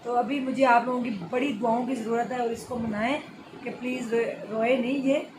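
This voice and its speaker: Woman, pleading late-night vlog, fairly high voice, noisy background. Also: fairly even intonation, fairly quick. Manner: soothing, pleading, says inshallah often. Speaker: vlogger. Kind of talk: casual vlog. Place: small shared bedroom at night.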